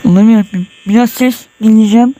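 This horror game commentary comes from a man whose high, warm voice is steady and fast, recorded with no echo. He is nervous and sweating, jumpy and tense, muttering prayers and exclamations and yelping when something startles him.

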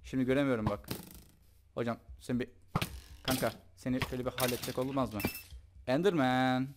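Over a very noisy recording, a young man who makes gaming videos comments on his own gameplay at a fairly quick pace. His mid-range voice keeps a fairly even intonation as he jokes around and chats with the game's mobs.

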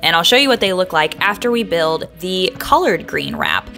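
Woman vlogger, upbeat and chatty, slightly low pitch, narrating over faint music. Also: wildly swooping pitch, normal speed, pushed and bright. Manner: chatty, upbeat, uses many fillers. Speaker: lunch prep vlogger.

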